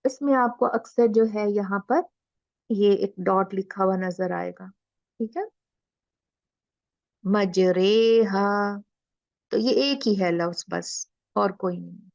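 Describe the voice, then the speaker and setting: A woman teaches Quran recitation in an unhurried, deliberate way, stretching each sound she demonstrates. Her voice carries a gravelly edge. The recording is dry and a little dull. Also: medium pitch, darkish tone, no echo. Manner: slow, drawn-out demonstration of letter sounds. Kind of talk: explaining a lesson.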